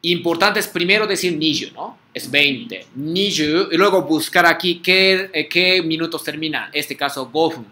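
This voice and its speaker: Bright-voiced man teaching class. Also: fairly high pitch, a little slow, hardly any pauses. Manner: patient, repeats words for students to echo, frequent "¿sí?" checks. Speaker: Japanese language teacher. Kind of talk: online class drill, call and repeat.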